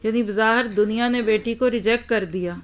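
A woman's voice: a little high, fairly even intonation. A woman giving an Islamic lecture, teaching earnestly and addressing her listeners directly, on a slightly dull recording. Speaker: religious lecturer.

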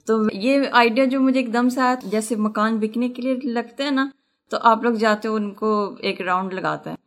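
A woman student earnestly telling her class about her own experience, explaining it with a homely comparison. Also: on the high side. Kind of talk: sharing a personal reflection.

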